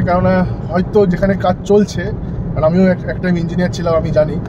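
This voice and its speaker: A man's voice: fairly high pitch, highs cut off. Chatty man vlogging from a motorbike. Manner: chatty running commentary while riding. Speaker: motovlogger host. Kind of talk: casual motorcycle ride vlog narration. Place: outdoors on a highway, riding a motorcycle. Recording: traffic and road noise behind the voice.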